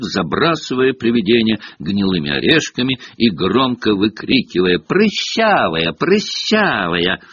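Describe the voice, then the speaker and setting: A man narrating an audiobook in an expressive storytelling manner. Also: on the low side, gravelly, husky, no room sound. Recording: dull, dry lo-fi recording.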